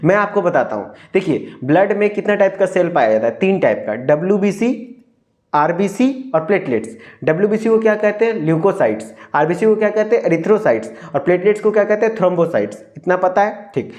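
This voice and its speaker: A man's voice: high-pitched, lively intonation, quick pace, a little mellow. A young man with a Hindi accent giving an exam-prep lecture as a pharmacy tutor, asking questions and answering them himself and repeating key terms.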